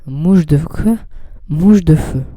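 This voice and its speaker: A man's voice: a little high, takes it slowly, mellow, no room sound. A young man giving casual, rambling commentary while playing a video game, reading game text aloud. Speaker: gaming youtuber.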